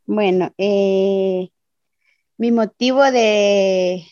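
A woman from El Salvador with a Salvadoran accent, giving a slow, hesitant personal testimony as a migrant, with many fillers. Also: mid-range voice, steady tone, darkish tone, dry recording, muffled recording. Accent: Salvadoran Spanish. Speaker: interviewee, migrant. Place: Ciudad Juárez.

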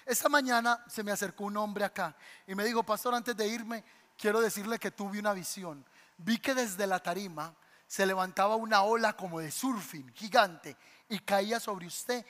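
Bright high-voiced pastor preaching. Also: male voice, long reverb tail. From Colombia. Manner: animated storytelling, acts out voices. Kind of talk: sermon. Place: church sanctuary.

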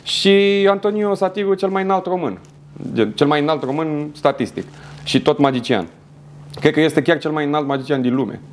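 A young man telling a story as a podcast guest, animated and acting out quoted dialogue in his anecdotes. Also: on the high side, a little hiss or hum. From Romania. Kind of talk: casual storytelling.

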